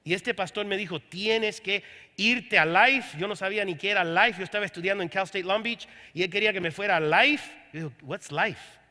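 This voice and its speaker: A man's voice: high-pitched, normal speed, sharp tone. A man preaching a sermon as pastor, telling his story with quoted dialogue. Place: church service. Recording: long hall reverb from a church room.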